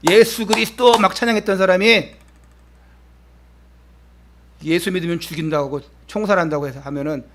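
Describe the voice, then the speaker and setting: At a Sunday church service, a male pastor with a high-sitting voice preaches at a moderate pace with long pauses, over a little hiss or hum. He asks his congregation pointed questions, his lines ranging from emphatic to softly hushed.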